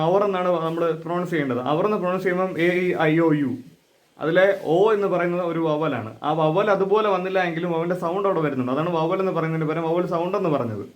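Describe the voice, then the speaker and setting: A man teaching English pronunciation, explaining step by step and often asking questions before giving the answer. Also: on the high side. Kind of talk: explaining lesson.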